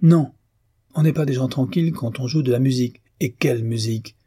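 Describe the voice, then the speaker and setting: A man's voice: mid-range voice, fairly quick, dark tone, slightly rough, pitched above the performer's own voice, natural voice. A man voicing an irate older landlady who scolds her tenants in a raised, indignant voice. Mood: scolding.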